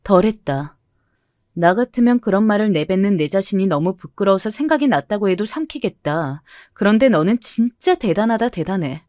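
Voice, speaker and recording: A woman's voice: mid-range voice, lively intonation, normal speed, darkish tone, no echo, clean studio sound, natural voice. A woman voicing a blunt, successful woman near forty who answers in curt, cutting retorts. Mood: scornful.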